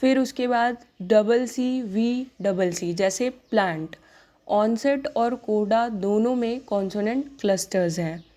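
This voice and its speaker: Female tutor, measured unhurried delivery, soft dark voice, lecture style. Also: a little high. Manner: slow deliberate English questions, quicker Hindi explanation. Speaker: teacher. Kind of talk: exam-prep lecture mixing Hindi and English.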